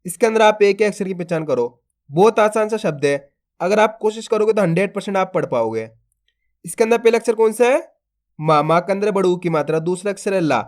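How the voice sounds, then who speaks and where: A man's voice: sits high, expressive, brisk, darkish tone. A man teaching a phonics lesson, sounding out each syllable and then stretching the blended word, speaking patiently to viewers he calls friends. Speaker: Hindi reading teacher.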